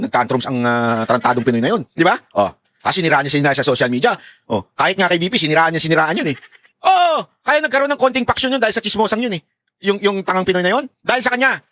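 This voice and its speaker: A man's voice: sits high, fairly bright tone, dry recording. A man giving heated, sarcastic political commentary to his viewers in a vlog, swearing and laughing often and mixing English phrases into his talk.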